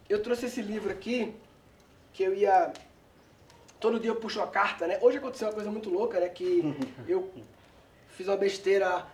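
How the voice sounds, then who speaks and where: A woman's voice: mid-range voice, darkish tone. A woman talks casually about meditation, then reads a short spiritual story aloud. She laughs and drops asides as she reads. Her voice sits a little back from the mic, in a roomy space. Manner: chatty, laughs while reading, many asides. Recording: roomy sound, voice far from mic.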